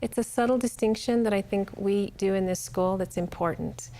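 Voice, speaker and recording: Calm woman explaining a school's philosophy. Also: medium pitch, normal speed, a little hiss or hum. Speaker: massage school staff. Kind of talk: promotional interview.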